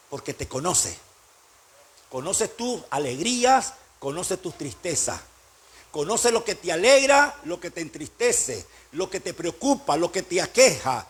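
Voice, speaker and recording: A male pastor preaching with a very high, husky voice. His pitch swings widely as he presses his points and asks his listeners rhetorical questions. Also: a bit bright. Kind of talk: sermon.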